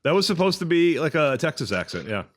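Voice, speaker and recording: A man's voice: on the high side, very animated, fast. A man co-hosting a casual podcast chat, blunt and crude, rambling with restarts. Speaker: podcast co-host.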